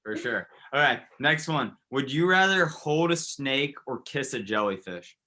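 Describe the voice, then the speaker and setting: A young man hosting a relaxed, joking interview and asking light would-you-rather questions. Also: mid-range voice, unhurried. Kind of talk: casual interview chat.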